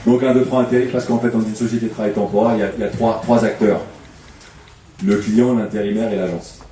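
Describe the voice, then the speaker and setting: His lowish, mellow voice stays fairly even as he talks fast, with a slight hiss or hum in the audio. He's a man from the Paris suburbs, France, running a temp agency, giving a self-mocking, humorous talk at a public debate and chatting with listeners, recorded from afar in an echoey community hall.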